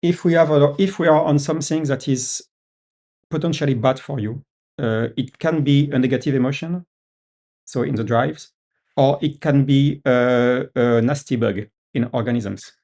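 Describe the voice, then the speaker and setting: Male, French accent, gravelly, hesitant developer explaining features in a call. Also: medium pitch, normal speed, mellow. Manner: hesitant, many "uh" fillers. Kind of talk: casual video-call discussion.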